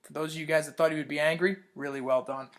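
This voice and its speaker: At a quick pace and in a steady, slightly high voice, a man leads a children's storytime, reading a picture book aloud. He teaches along the way, pausing for questions and praising the kids' answers.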